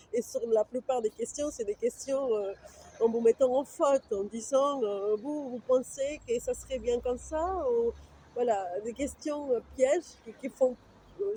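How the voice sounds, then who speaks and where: Woman speaking, warm low-brightness tone, insistent but stumbling over words, faint noise behind. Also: low-quality recording. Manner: halting, searching for words, many restarts; earnest and insistent. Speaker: parent speaking out. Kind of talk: personal testimony to camera.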